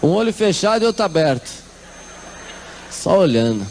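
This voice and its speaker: A man's voice: sits high, very animated, normal speed, creaky, darkish tone. A middle-aged Brazilian man giving a comic church testimony, acting out the people in his story. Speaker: testimony speaker.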